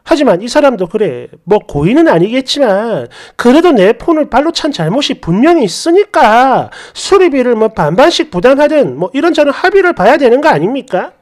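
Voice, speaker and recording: Lively woman narrating a story. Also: on the high side, normal speed, hardly any pauses.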